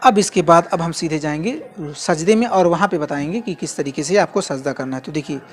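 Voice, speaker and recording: A man giving a patient, step-by-step spoken lesson, repeating key phrases slowly and carefully. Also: on the high side. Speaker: religious instructor. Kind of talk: instructional demonstration.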